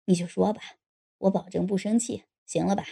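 A woman's voice: fairly even intonation, normal speed, mellow. A woman voicing a drunk, gullible married man in an audiobook, sheepish and boastful by turns. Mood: tipsy boastful. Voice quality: low husky voice. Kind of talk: audiobook character voice.

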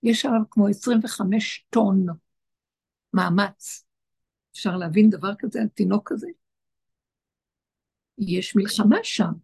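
A woman's voice: medium pitch, creaky, long pauses, a little mellow, slightly rough. A woman giving an impassioned spiritual teaching to a group, repeating her phrases for emphasis. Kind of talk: Torah teaching to an online group.

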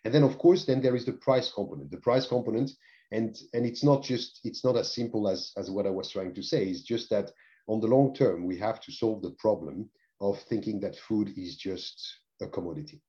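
A man being interviewed, speaking in a thoughtful, measured way with some phrasing. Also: fairly low pitch, mellow. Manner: thoughtful, measured, with non-native phrasing and restarts. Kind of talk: conversational interview. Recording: dull lo-fi sound.

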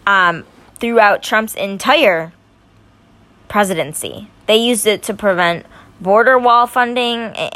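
A young woman talks straight to her viewers, breaking down the news in her own casual words. She gets heated and emphatic, stumbling and repeating herself as she works herself up. Her voice sits at an ordinary middle pitch. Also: a bit bright. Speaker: political commentary vlogger. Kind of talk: casual opinion commentary.

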